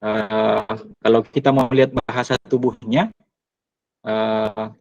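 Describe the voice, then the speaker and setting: A man presenting to teachers, speaking hesitantly with many pauses and fillers. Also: on the low side, level tone, darkish tone, dry recording. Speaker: teacher trainer. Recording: dull lo-fi recording.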